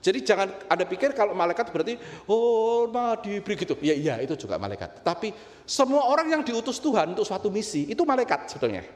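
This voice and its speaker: A middle-aged man from Indonesia, a pastor telling a personal story in a sermon, dropping to quiet low asides and rising to loud high outbursts. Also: sing-song, quick pace. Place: church hall. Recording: roomy church hall with long reverb.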